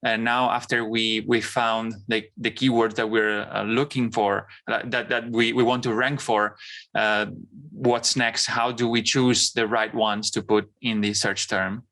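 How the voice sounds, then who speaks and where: A man hosting an interview, asking questions hesitantly with many pauses and restarts. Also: on the low side, level tone, pushed and bright. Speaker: podcast host.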